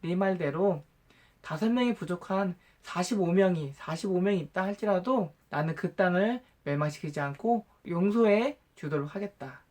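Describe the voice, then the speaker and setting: A man voicing God as a male deity in a Bible storybook reading, calm, patient and reassuring. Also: high-pitched, normal speed, lightly acted. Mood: gracious, reassuring.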